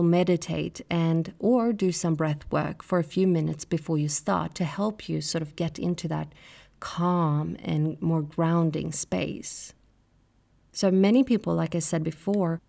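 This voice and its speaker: A woman's voice: lowish voice, vocal fry, mellow. A woman hosting a solo spiritual podcast, talking reflectively and asking the listener questions. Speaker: podcast host.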